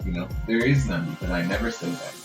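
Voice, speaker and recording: A man's voice: deep voice, fast talker, over music. A man with a Jamaican accent, telling his story as a podcast guest in an earnest, reflective way and laughing often. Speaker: guest author. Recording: roomy echo.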